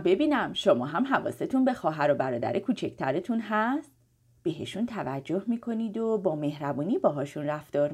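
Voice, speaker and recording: A woman's voice: medium pitch, a little mellow, breathy edge. A woman narrating a bedtime story for children, affectionately addressing them directly.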